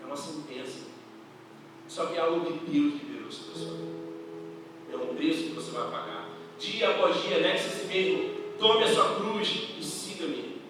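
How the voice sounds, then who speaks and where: A young Brazilian man preaching a youth service sermon in slangy, casual speech that builds to loud, impassioned delivery. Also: medium pitch. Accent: Brazilian Portuguese. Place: church hall. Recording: roomy church hall from far off, music behind.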